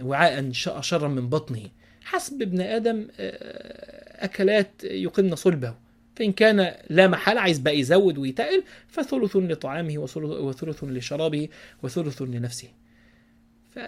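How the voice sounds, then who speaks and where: A man with an Egyptian accent preaches in an easygoing, folksy way and keeps checking in with his listeners. His voice sits a little high, and his words tumble out fast, with many restarts. At times he sinks to a soft, hushed tone. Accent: Egyptian Arabic. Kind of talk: casual religious advice talk.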